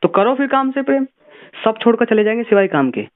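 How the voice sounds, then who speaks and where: A man's voice: extremely high pitch, very animated, fast talker. A man giving earnest, preachy motivational advice on a phone call, repeating words for emphasis. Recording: tinny phone line.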